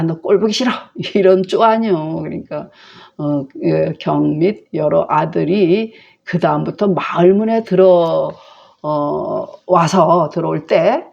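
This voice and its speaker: Gravelly woman lecturing slowly. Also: fairly low pitch, darkish tone, muffled recording. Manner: slow, chatty explanations with many fillers. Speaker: classical text lecturer. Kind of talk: lecture on a classical text.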